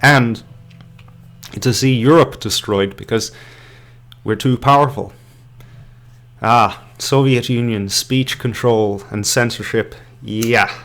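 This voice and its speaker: A man's voice: mid-range voice, slow pace, long pauses, a bit bright. An Irish man hosting a podcast live stream, rambling through hesitant casual commentary with many fillers and restarts, sipping beer as he goes. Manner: drinking beer while talking. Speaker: podcast host.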